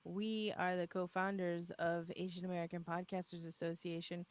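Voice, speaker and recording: A woman co-hosts a live podcast broadcast, chatting casually in an upbeat way and laughing often. Her voice sits on the low side with little pitch movement, at a normal speed.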